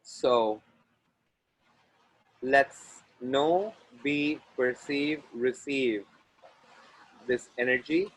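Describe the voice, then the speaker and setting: Speaking from outdoors by the ocean, a man from India hosts an online group call in his Indian accent, leading clearing phrases through deliberate, chant-like repetition. The recording is rough, while his mid-range voice holds a steady tone.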